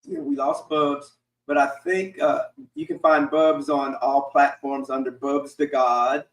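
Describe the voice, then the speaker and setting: A man with a hoarse, raspy, congested voice hosts a casual live-streamed panel chat, halting as he goes. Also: mid-range voice, little pitch movement. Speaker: host of a panel discussion. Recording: roomy echo, distant mic.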